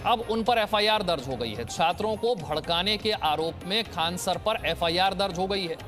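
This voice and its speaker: A man reading scripted news narration as an anchor, in a measured, explanatory way. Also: high-pitched, animated. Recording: news voice-over with music. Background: music bed.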